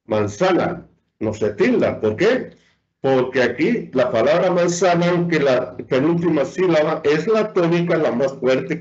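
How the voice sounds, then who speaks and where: A man's voice: on the high side, darkish tone. A male teacher giving a virtual lecture on spelling rules, asking and answering his own questions and drawing out the example words. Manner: drawn-out emphasis on example words. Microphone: computer mic on a video call. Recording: dull lo-fi online lecture audio.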